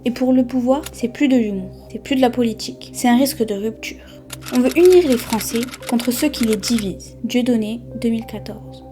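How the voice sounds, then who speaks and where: A woman giving scripted documentary narration in punchy, dramatic short phrases. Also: on the high side. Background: soft background music.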